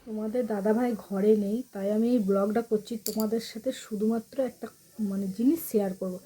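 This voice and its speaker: A woman records a casual home vlog while she cooks, keeping her voice hushed and gentle. Her tone is mellow and warm, and faint noise sits behind her. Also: medium pitch, fairly even intonation, fast talker, poor audio. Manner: speaks softly and quietly. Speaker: vlogger. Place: at home, cooking in the kitchen.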